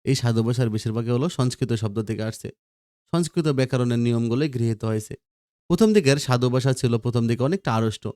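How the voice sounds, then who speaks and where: Man, teacher, school grammar lesson, quizzes and answers himself, repeats key points, mellow dark voice, dry close sound. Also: mid-range voice, fast talker, no echo. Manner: asks the class questions and answers them himself. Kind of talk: recorded video lesson.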